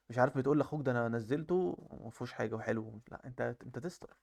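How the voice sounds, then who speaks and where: A young Egyptian man teaching software testing, mixing English terms into chatty Arabic. He speaks quickly with a gravelly, creaky voice at a middle pitch. He talks straight to the listener. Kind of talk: casual screen-share lesson.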